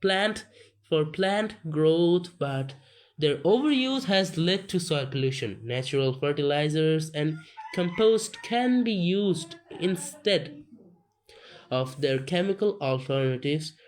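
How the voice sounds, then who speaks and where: Man, very slow, halting restarts, fillers, coughs, reading lesson aloud. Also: a little high, lively intonation. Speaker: self-taught reader on a video channel. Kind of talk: reading a textbook aloud with explanations.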